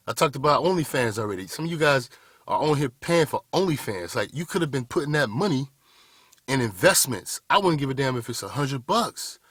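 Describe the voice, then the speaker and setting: Talking straight to camera, a man in his 30s gives a blunt, preachy motivational speech aimed at "y'all boys." His voice is medium-pitched and fairly bright with a breathy edge. The camera-mic audio is clean studio sound, free of room sound.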